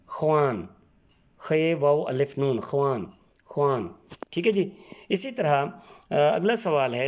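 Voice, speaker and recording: A man's voice: a little high, darkish tone. A man from Pakistan, teaching a textbook exercise patiently and spelling words out letter by letter. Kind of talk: Urdu textbook exercise lesson.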